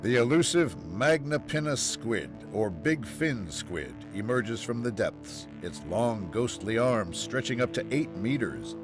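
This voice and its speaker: A man's voice: mid-range voice, expressive, unhurried, hardly any pauses. A man reading dramatic scripted narration in the style of a nature documentary, as the narrator. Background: background music.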